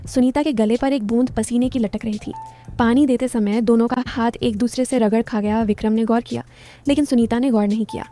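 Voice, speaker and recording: Female story narrator, steady and descriptive; slightly high, mellow voice over faint music. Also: fairly quick.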